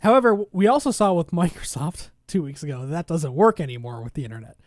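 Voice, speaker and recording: A man's voice: fairly high pitch, animated, fast talker, no echo, clean studio sound. A man co-hosting a gaming news podcast, reading articles aloud and then riffing on them with sarcastic asides in casual chat. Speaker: podcast co-host.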